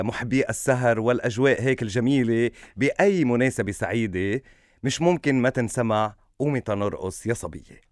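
A man's voice: mid-range voice, dry recording, studio quality. A man hosting an informal radio interview in an effusively courteous, complimentary manner. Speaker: radio host interviewing a guest. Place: close, dry radio studio.

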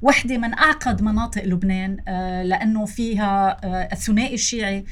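A woman's voice: medium pitch, quick pace. A woman with a Lebanese Arabic accent hosts a political interview, putting questions to her guests. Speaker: interviewer, host.

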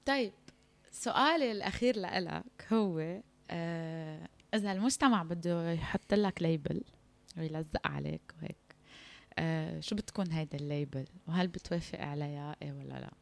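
A woman's voice: sits low, fairly quick, vocal fry. A woman with a Lebanese Arabic accent hosting a casual interview discussion, often switching into English words.

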